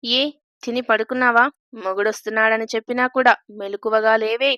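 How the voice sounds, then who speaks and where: A woman reading the part of a drunk, cruel, spoiled young husband who shouts and sneers. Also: high voice, fairly even intonation, brisk, no echo, highs cut off. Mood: irritated.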